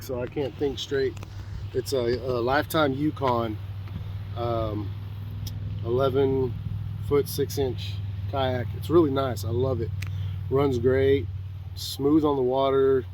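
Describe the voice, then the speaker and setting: Slight noise sits behind a medium-pitched man whose congested, stuffy voice betrays a sinus infection. He's a fishing vlogger casually walking through his gear outside, talking in a rambling, folksy style packed with fillers.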